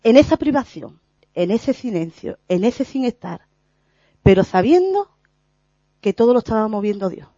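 Earnest woman, lively voice. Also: fairly high pitch, no echo. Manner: earnest, halting, many restarts and fillers. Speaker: lay preacher sharing a spiritual reflection. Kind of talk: informal religious talk. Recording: dull lo-fi recording.

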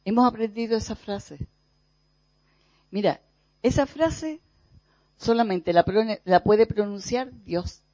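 A preacher from gives a reflective spiritual teaching, speaking thoughtfully with pauses and soft repetitions. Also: medium pitch, dry recording. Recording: dull, dry lo-fi recording.

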